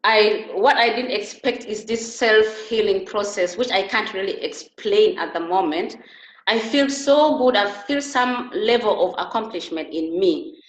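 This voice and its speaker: A middle-aged woman from Uganda talks as an interview guest, earnest and halting, often restarting her sentences. Her voice sits in an average range. The recording carries a roomy echo. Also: mid-range voice. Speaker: interview guest, beauty and wellness therapist. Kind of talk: conversational interview. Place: Germany.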